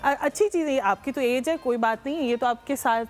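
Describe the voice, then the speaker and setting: A woman's voice: high voice, a little fast, faint music behind. A woman, co-hosting a morning show and giving earnest advice in casual chat. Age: 30s. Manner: earnest, advice-giving, many affirming interjections.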